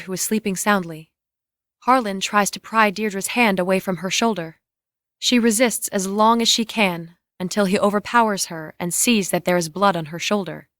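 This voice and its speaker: A woman reads stage directions from a script scene by scene, plainly and in clipped phrases. Her voice is medium-pitched with a fairly bright tone, recorded close and dry.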